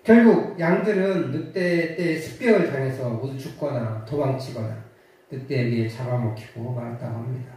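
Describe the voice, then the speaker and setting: A man's voice: medium pitch, normal speed, a little mellow. A male pastor preaching a sermon, telling a story with frequent hesitations. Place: church sanctuary. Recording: echoey church hall, mic at a distance.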